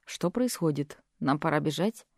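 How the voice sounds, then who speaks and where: A woman voicing a calm, protective young man who speaks low and hushed in an audiobook. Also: moderate pace, no room sound, studio quality, lightly acted.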